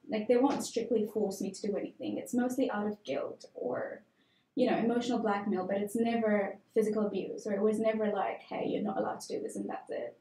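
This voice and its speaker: A woman's voice: fairly high pitch, dark tone. Young woman from Tanzania, echoey room. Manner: candid personal storytelling with fillers. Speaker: guest. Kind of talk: conversational interview.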